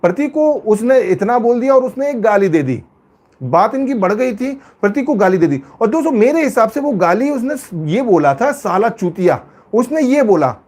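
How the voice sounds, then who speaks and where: A man with a very high voice talks through a reality show episode in a loose, casual way. He is emphatic and says his points again and again. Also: very animated, normal speed, darkish tone. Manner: emphatic, repetitive, acts out quoted lines. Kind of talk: casual spoken show review.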